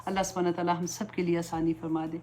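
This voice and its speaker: A woman's voice: lowish voice, flat delivery, darkish tone, slight background noise. A middle-aged woman religious teacher giving an earnest, pleading lecture, mixing English words into her talk. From Pakistan.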